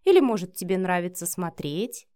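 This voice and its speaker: A woman's voice: on the low side, sing-song, normal speed, warm tone. A woman reading the lines of a mocking, provocative young woman with sarcastic, playful taunts. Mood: taunting.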